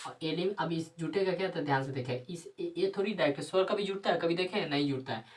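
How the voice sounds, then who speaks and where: Low-pitched woman teacher, recorded distant from the mic, answering her own repeated questions. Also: quick pace. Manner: repeats rhetorical questions and answers them herself; frequent tag questions. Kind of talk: grammar lesson.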